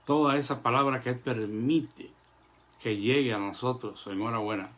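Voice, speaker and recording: A man's voice: medium pitch, fairly even intonation, a bit bright. Earnest man preaching a sermon. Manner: earnest, measured delivery with pauses and "eh" fillers; addresses the congregation as brothers.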